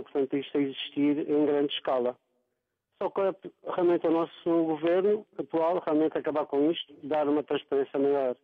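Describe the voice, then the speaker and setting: A man phones in to a news programme, earnest and halting, stopping to search for words. His fairly high voice comes through a dry, tinny phone line. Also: dry recording. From Angola. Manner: earnest, halting, many fillers. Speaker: caller. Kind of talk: phone-in opinion.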